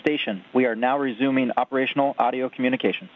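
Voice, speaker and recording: A man's voice: medium pitch, steady tone, fast. A man working as a mission control radio operator, speaking in clipped, formal radio protocol over a radio link transmission. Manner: clipped, procedural delivery. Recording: hissy muffled radio link.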